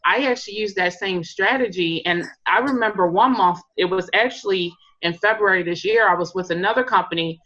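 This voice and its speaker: A woman's voice: mid-range voice, fairly quick, hardly any pauses, fairly bright tone. Rambling woman, lo-fi call audio. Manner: rambling, many fillers like "like" and "um". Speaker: direct sales consultant. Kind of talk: casual call sharing tips.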